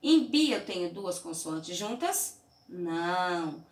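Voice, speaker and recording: A woman teaching young children in a remote lesson, from Brazil, patient and clear, often checking in with "tá?" and "certinho?". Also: lowish voice, big pitch swings, slow, recorded from a distance. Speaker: primary school teacher. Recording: roomy echo, mic held away.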